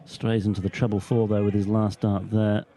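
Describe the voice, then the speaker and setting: A man giving measured live darts commentary as the lead commentator. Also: on the low side, level tone, mellow.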